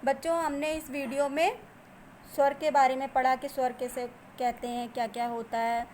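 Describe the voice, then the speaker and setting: A woman teacher explaining grammar to children, asking them questions and answering them herself, and drawing out example sounds slowly. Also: high voice, level tone, a little mellow, a little hiss or hum.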